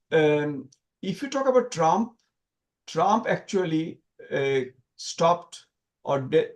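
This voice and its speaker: A man being interviewed, talking in an animated, sarcastic way with many restarts and repeated words. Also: a little high. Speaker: guest commentator.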